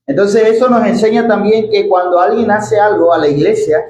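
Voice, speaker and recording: A man from Argentina preaching a sermon with an Argentine accent, reading scripture slowly and asking many rhetorical questions. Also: high voice, steady tone, a little mellow. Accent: Argentine Spanish. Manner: reads scripture slowly and stretches out the quoted words. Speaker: pastor. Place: church hall. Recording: echoey church hall, faint background noise.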